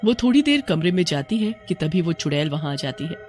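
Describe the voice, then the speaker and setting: A storyteller reading a cartoon story in an even, scripted way. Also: medium pitch, brisk, faint music behind.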